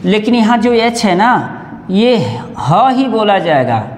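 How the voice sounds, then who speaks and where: Slow, echoey, high-voiced male teacher. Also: big pitch swings, slight background noise. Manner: drawn-out repetition of example words; corrects himself mid-explanation. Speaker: English grammar teacher. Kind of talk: classroom grammar lesson. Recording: echoey room with long reverb.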